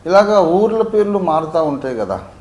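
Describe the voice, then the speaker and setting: A man from Warangal, a pastor teaching a Bible sermon, swinging between quiet asides and emphatic peaks. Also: fairly high pitch, big pitch swings, moderate pace, reverberant. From Warangal, India.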